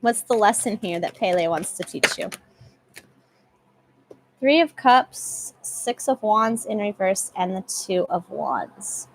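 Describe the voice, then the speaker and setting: A woman's voice: medium pitch, animated, slow pace, a little hiss or hum. A young woman giving a casual live tarot reading, chatty and often repeating herself. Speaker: tarot reader.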